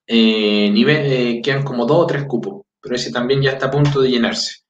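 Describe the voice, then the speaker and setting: Brisk and medium-pitched, a Chilean adult with a four-year-old daughter teaches his language casually, reading greetings and frequently checking in with a "¿ya?" amid fillers. Slight background noise sits under a roomy, distant, dull lo-fi recording.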